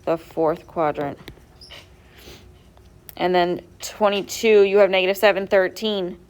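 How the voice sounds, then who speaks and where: A woman's voice: fairly low pitch, measured pace. A woman teacher going over quiz answers step by step in a classroom, asking her students questions as she goes. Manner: patient, step-by-step, quizzes students. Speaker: math teacher.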